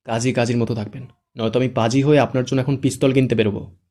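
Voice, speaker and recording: A man's voice: mid-range voice, fairly even intonation, quick pace, darkish tone, natural voice. A man voicing a hot-tempered young groom who gives curt, threatening commands. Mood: bossy.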